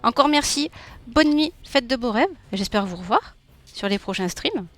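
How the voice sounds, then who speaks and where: A woman's voice: a little high, lively intonation, normal speed. Chatty woman with a southern French accent. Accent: southern French, from Nîmes. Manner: chatty, warm, laughs often, reads chat aloud. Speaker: streamer and illustrator. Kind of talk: casual live-stream chat while drawing.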